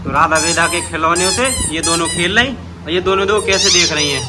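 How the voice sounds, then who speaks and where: A man's voice: high-pitched, steady tone, brisk. A man chatting casually for a family vlog, teasing kids and joking around. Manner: playful, teasing, talks to little children. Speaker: vlogger. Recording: noisy outdoor phone recording.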